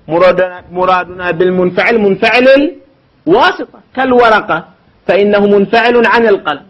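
A man with a high voice teaches a formal lesson, slow and methodical. He breaks each point into steps and asks his listeners questions along the way. The recording sounds muffled and lo-fi. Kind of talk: formal lecture on logic. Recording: dull lo-fi recording.

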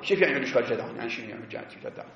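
A man giving a seminary lecture, explaining animatedly and drawing out key words slowly. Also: mid-range voice, lively intonation, crowd noise. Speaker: teacher of religious jurisprudence. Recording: echoey, dull lo-fi classroom recording.

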